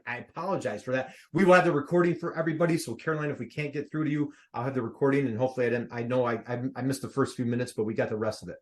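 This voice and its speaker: A man hosting a live online workshop, upbeat and playful, quizzing his audience over a video call. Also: mid-range voice. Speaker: workshop host.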